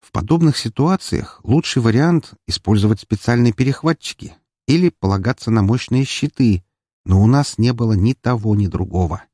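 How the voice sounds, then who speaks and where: A man reading a sci-fi audiobook as a first-person narration, in a steady, measured way. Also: mid-range voice, no echo, clean studio sound.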